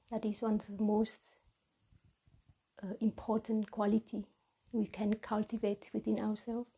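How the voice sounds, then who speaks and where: A woman with a Vietnamese accent giving a reflective mindfulness talk as a meditation teacher, with halting, deliberate phrasing. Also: a little high, dark tone, breathy edge, low-quality recording.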